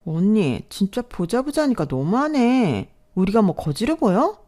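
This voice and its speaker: A woman's voice: mid-range voice, very animated, unhurried, warm tone. A woman voicing a spoiled, rude young half-sister who talks in a snippy, whiny way, read as storybook dialogue.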